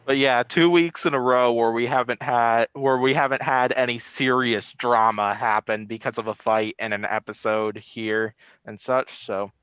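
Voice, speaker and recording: A man hosts a casual recap while speaking through a face mask. His voice stays smooth and clear in a dry, close space, at a medium pitch. He rambles a little, repeating phrases and trailing off. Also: fairly even intonation, moderate pace, hardly any pauses, a bit bright, no room sound, rough recording. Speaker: host. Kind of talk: casual video discussion and fight recap.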